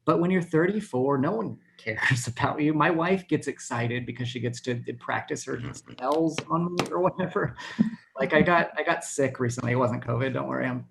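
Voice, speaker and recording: A man in his thirties performing a rambling, deadpan stand-up comedy set over a video call, chuckling at his own jokes. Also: medium pitch, normal speed, gravelly, a little hiss or hum. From Texas. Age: 30s.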